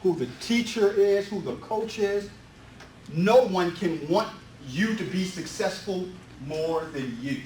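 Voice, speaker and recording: Taking it slowly, a man gives a motivational real estate seminar in an indoor meetup room, his high-pitched, darkish voice full of lively intonation. He drives his points home with repetition and rhetorical questions, while the recording stays distant and echoey with faint background noise.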